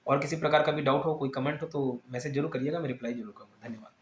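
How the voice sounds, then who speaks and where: A man's voice: medium pitch, steady tone, very fast. A man who teaches exam coaching, giving a direct, earnest and persuasive talk to students. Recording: echoey room.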